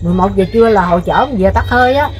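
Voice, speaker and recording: A woman's voice: medium pitch, animated, racing, darkish tone. An older woman with a Mekong Delta accent, telling her story in an interview in a rambling way, full of fillers and repeats. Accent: Southern Vietnamese, Mekong Delta. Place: rural home by a river.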